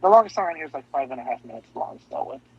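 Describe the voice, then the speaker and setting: A man's voice: medium pitch, big pitch swings, racing, vocal fry, breathy edge. A man co-hosting a podcast, talking casually and eagerly about albums, rambling and restarting his sentences. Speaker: podcast co-host. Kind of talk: casual music discussion. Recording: dull lo-fi podcast audio.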